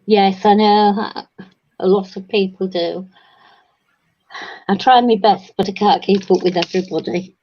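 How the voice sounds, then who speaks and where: An English woman hosting a relaxed crafting chat, talking easily and laughing often. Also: medium pitch, a little slow, long pauses, no echo, muffled recording. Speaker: host. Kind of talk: casual chat while crafting.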